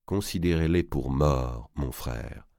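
A cold, stern old king, voiced by a man who speaks low and clipped. He never raises his voice, and the sound is close and dry. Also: slow pace, creaky, darkish tone, no echo, heavily acted. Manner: curt and cold.

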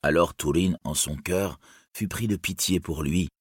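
A man narrating an audiobook in a very deep, husky voice. His reading is measured and solemn. The sound is dry and close. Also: dry recording.

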